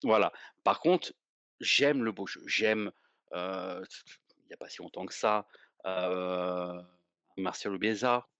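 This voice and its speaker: Male co-host, low voice, muffled lo-fi call audio, rambling casual football talk. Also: animated, takes it slowly, a bit bright, clean tone, no echo. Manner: rambling, hesitant, repeats words. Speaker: podcast co-host.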